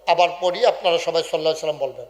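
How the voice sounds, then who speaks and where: A man gives a humorous sermon, quizzing and teasing the crowd in call-and-response, shouting some words and singing others. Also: fairly high pitch, rapid-fire, big-room sound. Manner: shouts key words, sings some phrases. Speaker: Islamic preacher. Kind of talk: humorous sermon at a religious gathering. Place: large religious gathering over loudspeakers.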